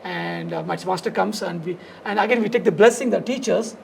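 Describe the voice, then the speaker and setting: A man with a South Indian accent and a gravelly, creaky voice, telling his story conversationally in loose, fragmented, repetitive phrases. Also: sits high, brisk, a little hiss or hum. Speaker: dance studio founder and teacher, podcast guest.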